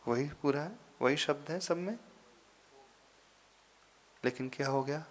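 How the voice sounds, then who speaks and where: A man, a monk, giving a sermon in a slow, deliberate teaching manner, pausing often and rising into sudden emphasis. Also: a little high, a little hiss or hum. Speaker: Jain monk giving a discourse.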